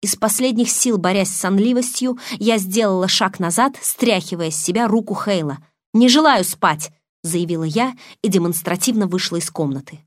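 A woman's voice: mid-range voice, fairly quick, hardly any pauses, a little mellow, dry recording, studio quality. A woman reading a first-person novel aloud as an audiobook narrator, voicing the characters' lines herself with tense expression.

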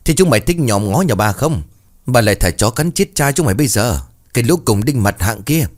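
A man voicing a cruel, spiteful young stepmother who scolds in a harsh, shrill voice. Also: expressive, measured pace. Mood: furious.

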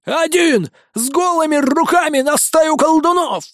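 A man voicing a panicky male pirate parrot who squawks his lines in slow, drawn-out cries. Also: very high voice, a bit bright, no room sound, clean studio sound, voice pushed up. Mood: alarmed.

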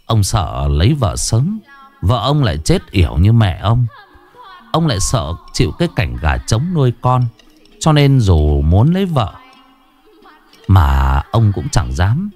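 A man narrating a ghost story in an expressive, dramatic reading. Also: on the low side, measured pace, faint music behind.

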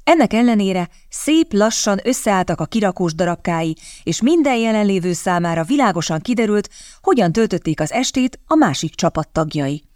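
A woman narrating a novel as an audiobook, in a measured, expressive reading. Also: medium pitch, dry recording, studio quality.

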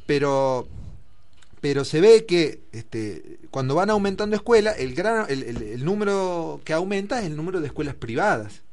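A man's voice: on the high side, sing-song, normal speed, darkish tone. A man with an Argentine accent, explaining figures in a discussion program and thinking aloud with fillers. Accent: Argentine Spanish.

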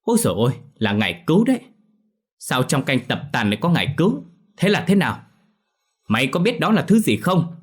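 A man voicing a spiteful, sharp-tongued young mistress who scolds and shrieks at her servants in a ghost story. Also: a little high, very animated, a little fast, husky, voice pushed up. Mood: scolding.

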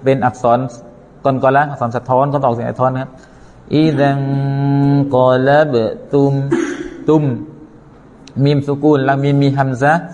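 A man's voice: medium pitch, level tone, fairly quick, a little mellow. A man teaching Quran recitation, chanting verses and then explaining pronunciation step by step in a careful lesson. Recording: long reverberant hall.

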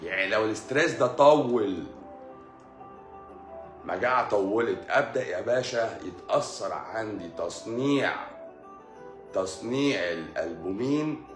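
A man's voice: fairly low pitch, expressive, unhurried, pauses often. Egyptian man lecturing in an echoey room. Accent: Egyptian Arabic. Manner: repeats key words as questions, greets live viewers in asides. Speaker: doctor giving a live talk. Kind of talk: explanatory live stream lecture. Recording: echoey room with faint music.

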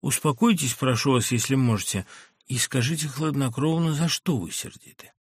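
A man voicing a mild, guilt-ridden middle-aged doctor who speaks softly and apologetically. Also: mid-range voice, normal speed, slightly rough, no room sound, clean studio sound, lightly acted. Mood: placating. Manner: soft, quiet, apologetic.

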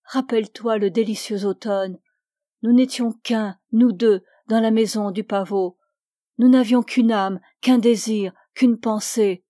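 Woman voicing a tender, ailing young heroine for an audiobook, warm dry tone. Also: fairly high pitch, fairly even intonation, measured pace, no room sound, natural voice. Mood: wistful. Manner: soft, wistful.

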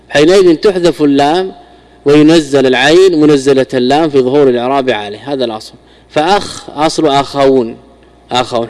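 A man's voice: a little high, darkish tone, in a large hall. A man, a scholar, giving a classical grammar lesson, often repeating and restarting words as he explains. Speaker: Islamic scholar teaching Arabic grammar.

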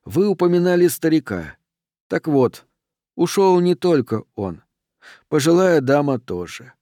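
A man voicing a calm, mysterious milkman who speaks in a measured, slightly ironic way. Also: a little high, no room sound, studio quality, voice pushed up. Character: calm mysterious male milkman, faintly mocking.

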